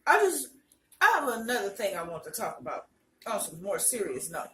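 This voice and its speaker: A woman's voice: mid-range voice, sing-song, normal speed, sharp tone. Roomy, distant woman, eating while chatting. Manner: frank, colloquial, speaking between bites. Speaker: vlogger. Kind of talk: casual mukbang chat while eating crunchy fried chicken. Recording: roomy, distant mic, faint noise, clicks.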